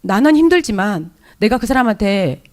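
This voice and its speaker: A woman's voice: medium pitch, sing-song, moderate pace, a little mellow. A woman with a Jeolla Korean accent giving an emotional, confessional testimony in church, hesitating and restarting often. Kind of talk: spoken personal testimony in church.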